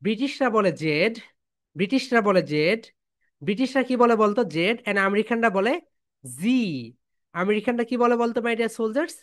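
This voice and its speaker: A woman teaching English letter sounds, chanting each sound and having the class repeat it. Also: fairly high pitch. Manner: call-and-response drilling, repeating sounds slowly; calls students "my dear soldiers". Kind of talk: phonics drill lesson.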